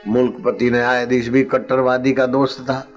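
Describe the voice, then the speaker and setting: A man's voice: mid-range voice, flat delivery, soft background music. An older man preaching a satsang sermon, telling a story and chanting refrains. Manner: slow, chanting refrains and acting out story voices. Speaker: spiritual preacher.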